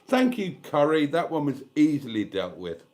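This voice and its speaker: A man's voice: a little high, very animated, moderate pace, darkish tone. Blunt, sweary man in his fifties. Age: 50s. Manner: blunt, candid and sweary, rambling asides. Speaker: livestream host. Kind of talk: casual live-stream chat reading comments.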